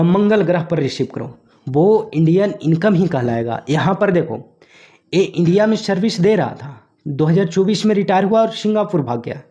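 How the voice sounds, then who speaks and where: A man teaching an exam revision lesson, mixing in English terms and pausing to let viewers think, his throat a little sore. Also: high voice, warm tone, muffled recording.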